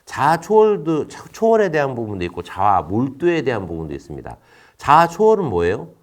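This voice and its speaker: A man giving a recorded lecture in an explanatory tone, asking questions and then answering them himself, with frequent fillers. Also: a little fast. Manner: explanatory, asks and answers his own questions; frequent fillers, lively rises and drops in pitch.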